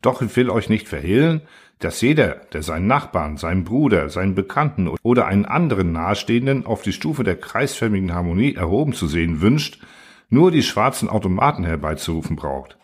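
A man reading the part of a condescending machine that rules by order and lectures its makers in a calm, lecturing manner. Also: on the low side, fairly quick, breathy edge. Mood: cold. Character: cold, lecturing order-obsessed machine ruler.

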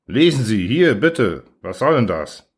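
A man voicing a gruff, irritable starship commander who is blunt and sarcastic, in an audiobook reading. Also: mid-range voice, sing-song, a little slow. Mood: angry. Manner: blunt, sarcastic, flares into shouting.

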